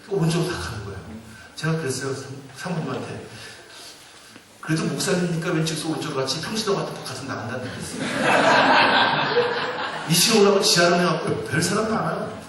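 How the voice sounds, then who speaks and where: Guy in his 60s preaching w jokes, kinda high voice, super echoey church hall, sounds far off from the mic. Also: animated, fast talker, pauses often, background noise. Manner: jokey storytelling, asks the audience questions. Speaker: church elder giving a guest talk. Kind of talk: humorous sermon-lecture to a congregation. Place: large church sanctuary.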